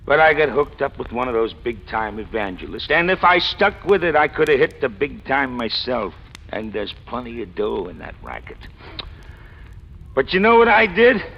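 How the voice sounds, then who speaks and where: A male actor with a mid-range voice voices a chatty ex-convict stick-up man in an old 1940s-50s radio crime drama, heard through muffled hiss. Very animated at normal speed, he sounds gravelly, folksy and full of slang, confiding and amused, poking fun at himself with cheerful fatalism.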